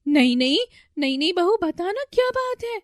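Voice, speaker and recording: A fretful older mother-in-law from a storybook cartoon, as a woman puts her on, shrieking high and loud. Her shrill voice leaps wildly up and down as she wails and pleads. The sound is close and dry. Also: big pitch swings, normal speed, dry recording.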